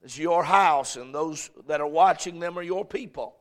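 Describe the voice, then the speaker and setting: A man's voice: fairly high pitch, normal speed. A male pastor preaching and reading scripture to a congregation, in an echoey church hall. He talks in a folksy way and repeats phrases, then swells when he reads verses aloud. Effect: echoey church hall sound.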